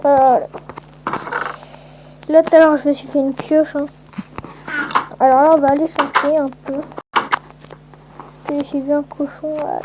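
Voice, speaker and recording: A woman's voice: sits high, level tone, a little slow, long pauses, noisy background. A woman giving casual, rambling let's-play commentary with lots of hesitant fillers. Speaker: gameplay commentator.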